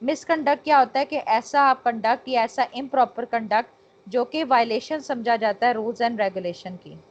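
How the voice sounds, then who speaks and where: A woman with a Pakistani accent and a fairly high voice gives an exam-prep law lecture at normal speed, explaining point by point and mixing in English technical terms. The recording is dull and lo-fi.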